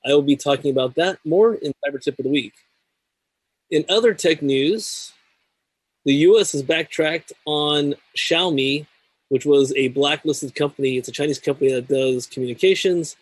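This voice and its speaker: A man's voice: on the high side, no room sound, low-quality recording. A man hosting a tech talk show, reading news items and then interviewing a guest. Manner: measured, reads news items then chats. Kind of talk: scripted news segment and interview.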